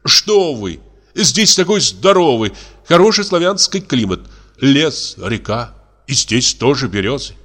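A man reading a play aloud, voicing a reflective middle-aged army officer who muses slowly about life. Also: mid-range voice, very animated, fairly bright tone. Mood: musing.

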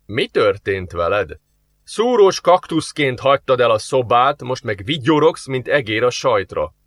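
A man's voice: medium pitch, big pitch swings, fairly bright tone, dry recording. A man playing a curt suspicious demon. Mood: sarcastic. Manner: curt, sarcastic, wary. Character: gruff suspicious male demon. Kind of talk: audiobook character voice.

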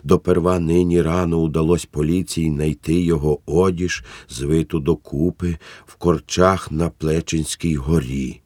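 A man narrating a classic novel as an audiobook in a measured, even way. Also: extremely low pitch, dry recording, clean studio sound.

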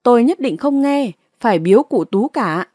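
A woman's voice: a little high, lively intonation, normal speed, no echo, clean studio sound. A woman narrator voicing a hot-tempered, quarrelsome male village notable. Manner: quarrelsome, shouting.

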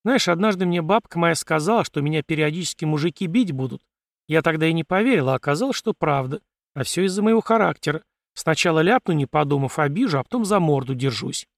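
A man's voice: on the high side, lively intonation, fast talker, no room sound, studio quality. A man voicing a brash, tactless young woman drifter who answers with blunt, cheeky retorts in an audiobook. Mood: nonchalant.

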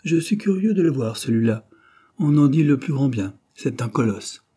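A man's voice: animated, normal speed, dark tone, husky. Man voicing a jovial old bandit captain. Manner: booming, teasing, theatrical.

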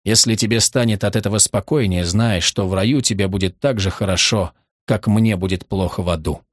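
A man voicing a fanatical woman who speaks in a hollow, quiet way, in a dry audiobook recording. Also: lowish voice, brisk, dry recording, lightly acted. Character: coldly fanatical woman with a torch.

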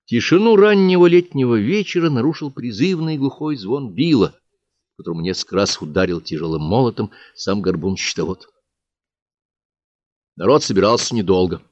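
A man reading an audiobook in a measured, expressive storytelling manner. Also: medium pitch, no room sound. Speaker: audiobook reader. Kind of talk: audiobook narration. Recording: dry, slightly dull audiobook recording.

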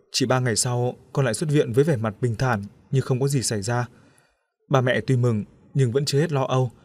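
A man voicing a steady, caring middle-aged father who talks calmly and reassuringly in a storybook reading. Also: medium pitch, no echo, lightly acted.

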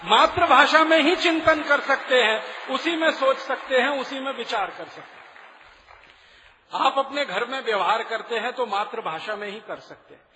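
High-voiced, forceful male lecturer. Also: measured pace, a little hiss or hum. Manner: rhetorical, questioning the audience, spelling out words. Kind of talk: public lecture. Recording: lecture hall with long reverb.

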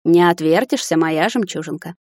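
A woman voicing a cold, imperious middle-aged high witch who speaks calmly and sternly. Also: normal speed, no room sound, studio quality, lightly acted. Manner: calm, stern, commanding.

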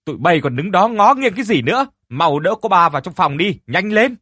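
A man's voice: high-pitched, big pitch swings, a little fast, a bit bright, slightly rough, no echo, clean studio sound, pitched above the performer's own voice, full character voice. A man voicing a harsh older landowner's wife who screams and scolds her servants. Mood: furious shrieking.

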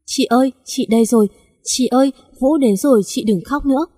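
A woman's voice: sits high, a little fast, dark tone, husky, no echo, studio quality. A woman reading the lines of a remorseful young man who talks to his beloved in a tender, pleading way.

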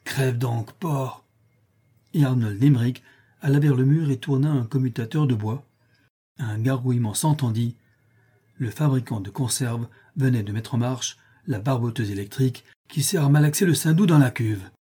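A man narrating a story aloud in a measured, storytelling way. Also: medium pitch, warm tone, slightly rough. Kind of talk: audiobook reading.

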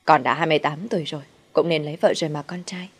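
A woman's voice: low-pitched, fairly even intonation, very fast, breathy edge. A woman voicing a harsh, scheming middle-aged mother-in-law who scolds and commands. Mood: pleading.

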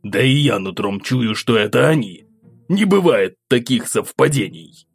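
A male narrator voicing a gruff, angry middle-aged count who grumbles at his wife and daughter. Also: medium pitch, lively intonation, unhurried, dry recording, faint music behind, exaggerated voice. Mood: angry grumbling.

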